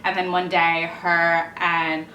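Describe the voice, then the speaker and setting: A woman's voice: lowish voice, level tone, takes it slowly, pushed and bright, slight background noise. A young woman co-hosting a casual book haul chat, giggly and chatty. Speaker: booktube co-host. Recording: echoey room, from a distance.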